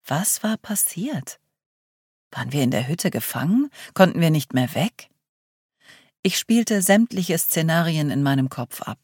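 A woman narrating a first-person novel in a steady, measured reading voice. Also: sits low, dry recording, clean studio sound. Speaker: audiobook narrator.

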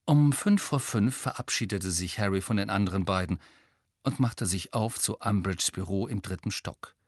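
A man narrating an audiobook in a steady, measured reading. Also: fairly low pitch, no echo, clean studio sound. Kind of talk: scripted narration.

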